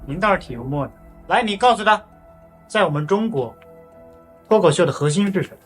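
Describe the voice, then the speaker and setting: A man's voice: high-pitched, animated, a little fast, faint music behind. A man acting a bossy, patronising Chinese audition official with a lecturing, condescending manner. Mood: dry, threatening.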